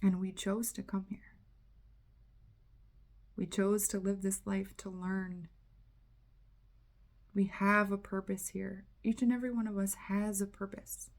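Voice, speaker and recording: A woman gives a casual spiritual channeling talk as a tarot reader and coach. She speaks candidly and earnestly, drops the odd swear word and acts out inner voices with animation. Her pitch sits in the middle range for a woman. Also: little pitch movement, measured pace, long pauses.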